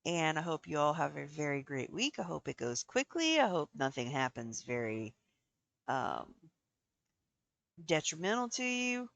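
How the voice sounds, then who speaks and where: Low-voiced sleepy woman streamer. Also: very animated, unhurried, creaky, a bit bright, dry recording. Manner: chatty, meandering, lots of ums. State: sleepy, yawning. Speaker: game streamer. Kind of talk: casual stream chat. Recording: game music playing behind.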